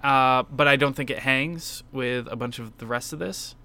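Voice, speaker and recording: A man co-hosting a casual video game podcast discusses the game awards in a bright, crisp, mid-range voice with a clean, smooth sound at a moderate pace. Frank and enthusiastic, he swears freely in the middle of his opinions.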